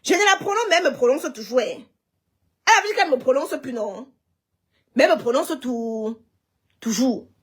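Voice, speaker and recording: A woman, hosting a live stream and ranting in an animated, repetitive, confrontational way. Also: high-pitched, normal speed, long pauses, breathy edge.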